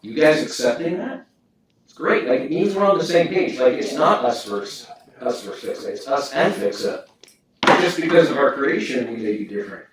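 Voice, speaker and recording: A man's voice: mid-range voice, expressive, background noise. Man in an echoey meeting room. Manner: emphatic, quick to agree. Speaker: board member at a public meeting. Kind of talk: meeting discussion. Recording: echoey room, mic far off.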